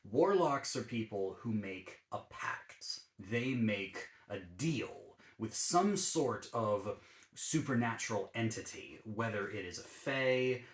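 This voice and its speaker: A man with a fairly low voice walks through a tabletop character build, easygoing and explanatory, pausing on ums and uhs. His voice carries a noticeable roomy echo, as if recorded in an untreated room. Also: fairly bright tone. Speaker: YouTube D&D channel host. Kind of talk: relaxed tabletop game class guide.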